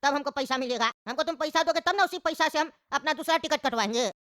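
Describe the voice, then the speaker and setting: A woman's voice: high-pitched, fast talker, fairly bright tone, no room sound, studio quality. A woman voicing a grumpy, quarrelsome old grandfather in a cartoon, scolding and indignant. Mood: angry. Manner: scolding, indignant, rustic talk. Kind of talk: cartoon voice acting.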